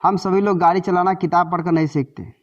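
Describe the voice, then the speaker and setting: A man's voice: high voice, fairly even intonation, fast, dull audio. A man narrating a self-help book summary in an explanatory way, sometimes correcting himself mid-sentence.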